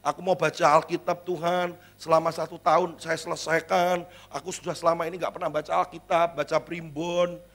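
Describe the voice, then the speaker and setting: A middle-aged pastor preaching a sermon in a church, swinging between loud exclamations and quiet, chatty asides, acting out little dialogues. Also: male voice, on the high side, little pitch movement, brisk, hardly any pauses.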